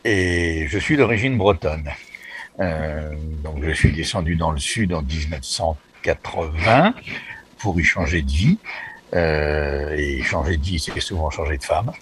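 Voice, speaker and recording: A man in his eighties from the Paris suburbs, a guest on a radio interview, talking in a folksy, halting, wry way. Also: very deep voice, husky. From Paris suburbs, France. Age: 80s. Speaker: association president, guest.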